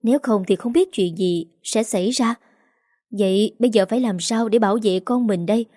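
A woman's voice: fairly high pitch, dark tone, slightly rough. A woman voicing a panicked older mother and wife in a storybook reading. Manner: panicked, rushed.

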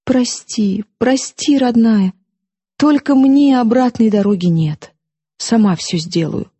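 A woman's voice: on the high side, slow pace, slightly rough, no room sound, voice pushed up. A woman reading an audiobook, voicing a defiant, mocking young woman who lashes out at her sister. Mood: scornful. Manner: sharp, mocking, impassioned outbursts.

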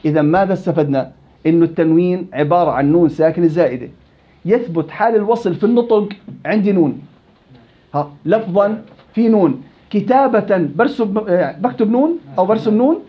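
Quick Levantine Arabic teacher drilling students. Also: male voice, high-pitched, animated, highs cut off. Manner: quizzes students, repeats words to drill them. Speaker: Quran recitation teacher. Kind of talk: interactive tajweed lesson.

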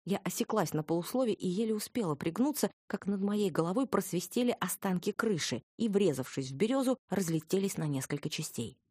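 A woman's voice: mid-range voice, animated, a little fast, hardly any pauses, warm tone, husky, no echo, clean studio sound. A woman narrating a first-person fantasy audiobook in a wry, ironic manner.

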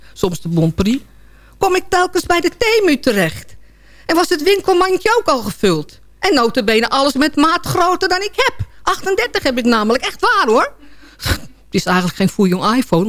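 A woman's voice: on the high side, dry recording. A woman delivering a comic radio column in a sardonic, chatty storytelling manner.

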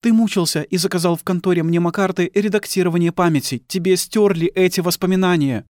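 A man's voice: high voice, fairly even intonation, fast, darkish tone, dry recording, studio quality, pitched above the performer's own voice, natural voice. A man voicing a cold, bitter wife and grieving mother who hurls accusations at her husband in an audiobook. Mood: accusing. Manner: icy and accusing.

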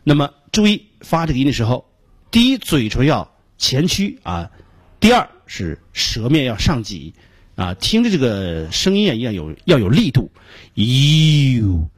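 A man teaching English pronunciation on a radio lesson, explaining patiently step by step and repeating sounds slowly to demonstrate them. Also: medium pitch, huge pitch swings, breathy edge, no room sound.

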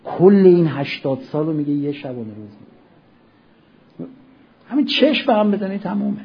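A middle-aged man preaches, his voice husky and set a little high. He presses his listeners with rhetorical questions, dropping low and then rising loud. The recording is dull and lo-fi. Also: very animated. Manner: impassioned, rhetorical questions, swings between soft and loud. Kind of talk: Ramadan sermon. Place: mosque hall.

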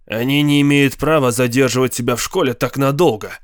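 A man voicing a scheming, moody middle-aged uncle who talks in a sly, coaxing way, pitched higher than his narration. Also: brisk, clear, resonant tone, dry recording, clean studio sound, lightly acted.

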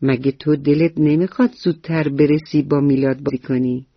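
A woman storyteller voicing an easygoing, gently teasing father in a bedtime radio story, speaking slowly and good-naturedly. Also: sits low, steady tone, no room sound, muffled recording.

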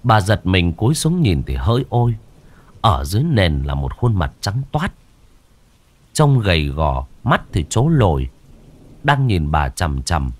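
A man's voice: sits low, sing-song. Dramatic male ghost-story narrator. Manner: dramatic, slowing on eerie moments.

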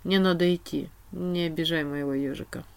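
Tired soft-spoken king in a storybook reading, woman doing the voice. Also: steady tone, fairly quick, creaky, clean tone. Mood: gentle. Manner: quiet, low and tired. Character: weary, tender middle-aged king, man.

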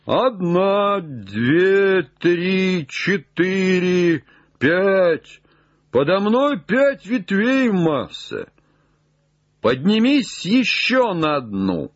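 A man voicing an old male servant, simple and sly, calling down in high drawn-out shouts. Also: huge pitch swings, husky, dry recording, muffled recording, heavily acted. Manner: high drawn-out calls from far up a tree.

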